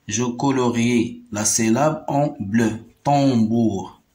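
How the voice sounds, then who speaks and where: Male primary teacher, Moroccan accent, very slow and deliberate, repeats words syllable by syllable for kids. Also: medium pitch, warm tone. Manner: repeats words slowly syllable by syllable, explains in Arabic too. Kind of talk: slow, deliberate French phonics lesson.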